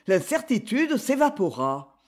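Audiobook narrator, expressive, lively intonation, mid pitch. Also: measured pace. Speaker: audiobook reader. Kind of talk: scripted narration of a classic novel.

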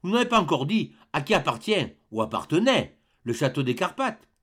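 A man's voice: on the high side, very animated, a little fast, a bit bright. A man voicing a young count in his thirties who asks courteous, inquisitive questions.

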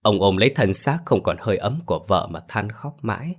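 A man with a deep, low voice narrates a scripted ghost story. His reading is steady and even with no rush, though a little fast.

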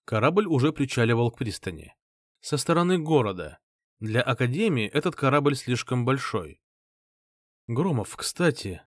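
A man's voice: moderate pace, no room sound, studio quality. A man narrating an audiobook, reading the story and voicing each character in turn. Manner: lively, voices each character with shifts in pitch.

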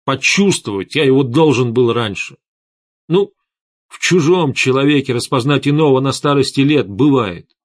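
A weary old chief of light mages, an aging schemer whose low, hushed voice carries the weight of guilt and doubt, as a male narrator puts him on. His tone stays sober and measured, in a mid-pitched register, recorded dry and close. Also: no echo. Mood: heartfelt. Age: older. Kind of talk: audiobook character voice.

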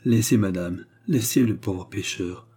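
A man's voice: on the low side, unhurried, dark tone, breathy edge. A man voicing a humble, penitent viscount who speaks in a near-trembling voice.

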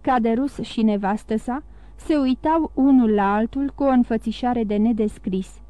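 A woman reading a classic novel aloud as an audiobook narrator, in a steady, measured way. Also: a little high, dry recording. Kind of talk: scripted narration.

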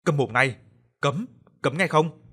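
Brief: loud, raised, grief-stricken old innkeeper, read by a male narrator, storybook telling. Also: on the high side, measured pace, husky. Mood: angry. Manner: shouting, anguished. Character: grieving, quick-tempered old male innkeeper.

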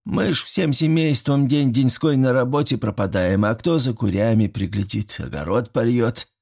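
A man voicing an ailing, stubborn old village man with a creaky voice who grumbles. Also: medium pitch, normal speed, a little mellow, pitched above the performer's own voice.

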